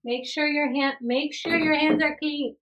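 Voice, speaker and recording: This young adult cooking vlogger has a high, bright-ish voice with a steady tone and measured pace, though the recording is muffled. Chatty and enthusiastic, she gives a casual cooking demonstration in her home kitchen, filmed by a stand-mounted camera that's close during talking and a bit further back at the stove.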